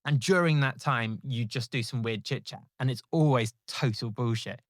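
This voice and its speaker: A man's voice: mid-range voice, normal speed, no echo, studio quality. A man hosting a comedy podcast, chatting in a wry, rambling way with frequent laughs. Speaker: podcast host. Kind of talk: casual comedic chat.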